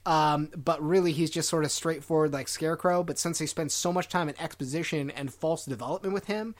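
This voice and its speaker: A man hosting a film podcast, talking in a quick, exasperated and sarcastic way. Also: on the high side. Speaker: podcast host. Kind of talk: casual film discussion.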